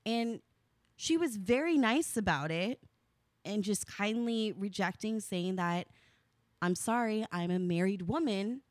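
A woman's voice: mid-range voice, animated, unhurried, darkish tone, no room sound, clean studio sound. A woman co-hosting a podcast in casual chat, chatty and self-deprecating, laughing often. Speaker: podcast co-host.

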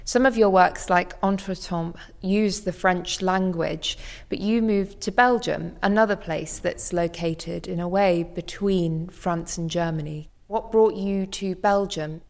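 A woman hosting an arts podcast, reading scripted narration and interview questions in a measured, articulate way. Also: lowish voice.

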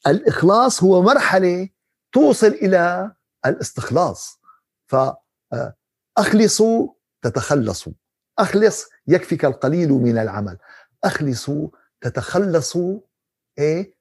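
A man with a Levantine Arabic accent, a sheikh giving an animated Quran commentary sermon, who keeps asking his listeners questions and recites verses slowly. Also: sits high, slightly rough. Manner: animated, rhetorical questions to the audience.

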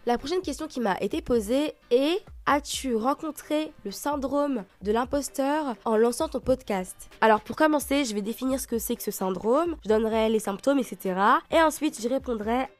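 High-pitched woman podcaster with a lisp. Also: normal speed, few pauses, soft background music. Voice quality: lisp, slushy sh-like s. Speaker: podcast host. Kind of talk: personal podcast monologue answering questions. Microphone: own microphone with homemade pop filter.

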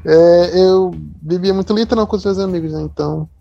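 A woman's voice: fairly low pitch, a little fast, vocal fry, warm tone, lo-fi sound. A woman chatting casually with friends, answering quiz questions and often stopping to correct herself. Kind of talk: casual chat.

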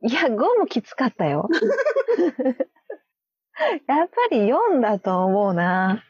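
A co-host chats casually with a friend, playfully sounding out made-up syllables and giggling often. Her mid-range, husky voice is very animated yet slow-paced, in a dull, dry, lo-fi recording.

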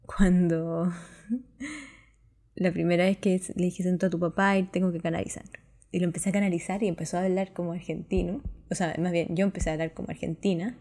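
A woman's voice: lowish voice, a little mellow. A woman chatting casually about her experiences as a channeler, rambling with frequent laughs and restarts. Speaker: spiritual channeler. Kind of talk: casual personal chat.

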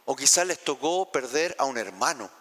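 A man's voice: medium pitch, expressive, moderate pace, fairly bright tone. Chilean pastor guy, heartfelt sermon, asks the congregation stuff, long church echo. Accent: Chilean Spanish. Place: church sanctuary.

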